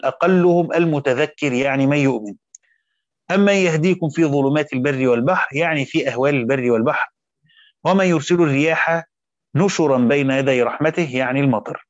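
Male teacher, fairly high voice, reads aloud and adds short asides, dry dull recording. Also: no room sound. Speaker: Quran commentary teacher. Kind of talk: reading and explaining a classical commentary.

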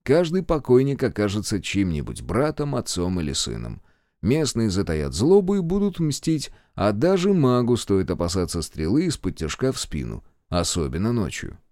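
A man narrating a fantasy audiobook with a low, warm voice that rises and falls a great deal. His storytelling is expressive and wry, recorded close and dry with no room sound. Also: normal speed, dry recording.

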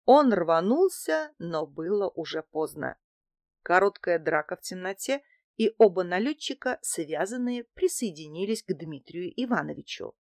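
A woman's voice: lowish voice, very animated, moderate pace, a little mellow, dry recording, clean studio sound. A woman narrating a first-person audiobook in a cool, wry, matter-of-fact manner.

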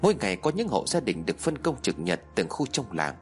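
A man's voice: lowish voice, sing-song, fairly quick. A man narrating a spooky first-person horror story in a tense, dramatic storytelling manner.

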